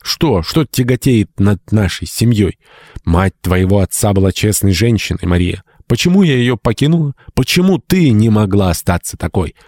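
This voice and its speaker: A man's voice: fairly low pitch, animated, moderate pace, a little mellow, no echo, studio quality, pitched above the performer's own voice. A male audiobook reader voicing a bitter, imperious old baroness who scolds her niece. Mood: angry. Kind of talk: audiobook character reading.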